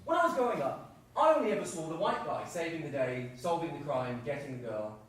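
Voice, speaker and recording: A man's voice: on the high side, expressive, a little fast, a bit bright. A man performing a live solo comedy show, telling his story in a mock-earnest way. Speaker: stand-up performer. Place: theatre stage. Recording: echoey stage, far-off mic.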